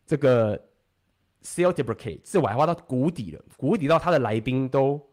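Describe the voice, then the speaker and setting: A man talking fast and animatedly in a casual podcast chat, swearing now and then. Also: mid-range voice, animated, darkish tone.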